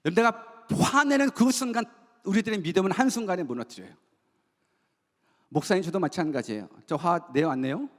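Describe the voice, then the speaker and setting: A male pastor preaches in a very high voice, asking his congregation question after question and having them repeat lines back. His voice rings with the long reverb of a church sanctuary. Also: lively intonation, a little fast. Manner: asks the congregation many rhetorical questions; leads call-and-response repetition. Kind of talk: sermon.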